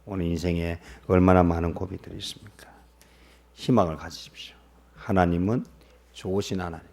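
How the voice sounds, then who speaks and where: A man's voice: deep voice, steady tone, brisk, vocal fry. Emphatic male pastor preaching. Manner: emphatic, swinging between loud and hushed; rhetorical questions to the congregation. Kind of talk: sermon.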